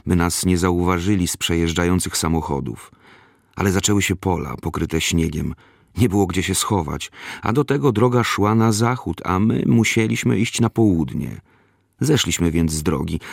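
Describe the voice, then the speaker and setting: A man narrates a memoir in a slow, measured way. His voice sits very low with a rough, gravelly edge. The recording is close and dry, with no room sound around it. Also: no room sound.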